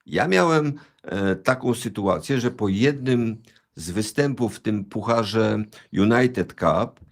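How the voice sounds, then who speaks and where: A male tennis pundit with a lowish voice, talking through players in a relaxed chat. He is measured and analytical, pausing now and then to find the right word. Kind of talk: casual sports chat.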